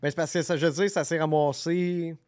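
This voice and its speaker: Joking Québécois podcast host. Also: male voice, a little high, fairly even intonation, a little fast, darkish tone, a little hiss or hum. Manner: joking, loose, teasing. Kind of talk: casual chat.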